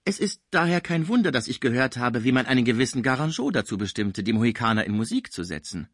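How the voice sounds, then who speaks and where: A man's voice: mid-range voice, sing-song, quick pace, no room sound, clean studio sound. A man reading an audiobook, voicing a shrewd, pushy working-class caretaker woman who talks in a nonstop, scolding torrent. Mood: chattering. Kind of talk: audiobook character voice.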